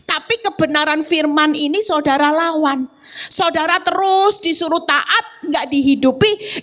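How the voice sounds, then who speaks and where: A high-pitched woman evangelist speaks. She delivers her sermon at an unhurried pace and brings it to life by acting out quoted voices and asides. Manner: lively, acts out quoted voices and asides to the congregation. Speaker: evangelist preacher. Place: church hall, on-site service.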